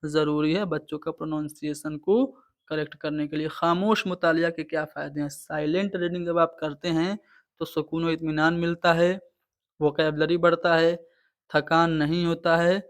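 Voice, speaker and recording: A man's voice: a little high, steady tone, moderate pace. A man teaching an exam-prep lesson, explaining each answer step by step and often checking in with the class. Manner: explains answers step by step, repeating "theek hai". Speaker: Urdu exam tutor. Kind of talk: online exam-prep lecture.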